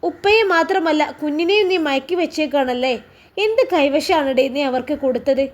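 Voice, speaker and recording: A woman's voice: high-pitched, lively intonation, normal speed. A woman reading a spiteful, jealous young woman in a spoken story, sneering and complaining. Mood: scornful.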